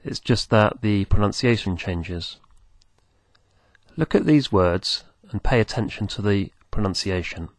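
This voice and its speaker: A man teaching beginners, speaking slowly and patiently, repeating words for the listener to copy. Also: on the low side, lively intonation, no echo, clean studio sound. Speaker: language teacher. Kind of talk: slow, patient teaching with pauses.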